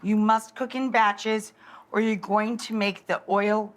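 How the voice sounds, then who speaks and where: A woman's voice: medium pitch, fairly even intonation, slow. A middle-aged woman hosting a cooking show, chatting enthusiastically to viewers while she demonstrates a recipe in a studio kitchen.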